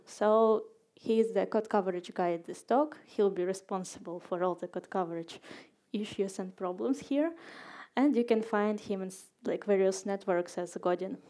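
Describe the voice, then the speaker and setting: A woman's voice: medium pitch, warm tone. A young woman from Ukraine giving a casual, playful conference talk, with lots of fillers. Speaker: conference speaker. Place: conference hall stage.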